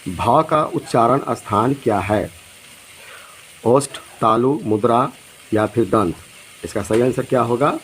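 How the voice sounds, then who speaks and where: A man's voice: medium pitch, slow, long pauses, a little hiss or hum, low-quality recording. A man teaching an exam lesson, reading out each multiple-choice question and its options, then giving the correct answer.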